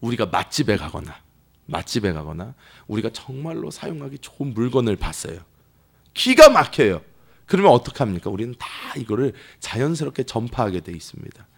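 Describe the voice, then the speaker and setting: A pastor preaching a sermon in a church, telling stories with lively, acted-out voices. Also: male voice, medium pitch, a little fast, creaky, slightly rough. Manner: lively storytelling that acts out quoted people. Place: church sanctuary.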